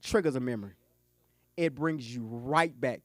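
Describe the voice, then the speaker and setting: A man's voice: mid-range voice, normal speed, no room sound. A man who coaches businesses, giving a live keynote talk at a conference lunch. He jokes and talks straight to the audience.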